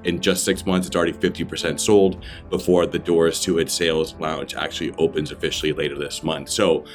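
Deep-voiced, upbeat podcast host. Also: male voice, little pitch movement, brisk, soft background music. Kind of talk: scripted intro, then interview questions.

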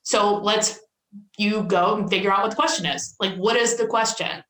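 A woman hosting a podcast interview, upbeat and chatty, filling her speech with "like" and quick affirmations. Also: mid-range voice, fairly bright tone. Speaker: podcast host. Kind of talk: casual conversational interview. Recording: echoey room.

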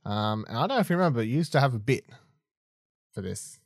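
A man hosting a casual podcast chat, animated and quick to laugh. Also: mid-range voice, no room sound, clean studio sound. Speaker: podcast host.

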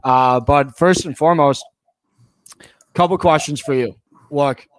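A man's voice: on the high side, a little slow, no echo. An American man hosting a casual sports podcast, emphatic and repeating phrases for effect. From United States. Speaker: podcast host.

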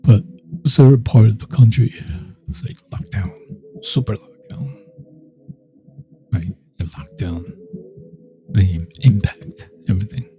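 A man's voice: fairly low pitch, a little slow, long pauses, dark tone, soft background music. A man hosting a casual solo podcast, rambling and meandering with many fillers and restarts. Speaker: podcast host.

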